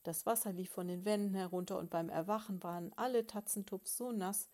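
A woman reading a children's story aloud in a calm, even storytelling manner. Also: mid-range voice, a little fast.

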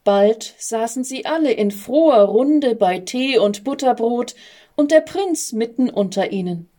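A woman reads a children's story aloud in an unhurried, calm, gentle way. Her voice sits a bit high for a woman, with a soft, mellow, warm tone. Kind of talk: read-aloud storybook narration.

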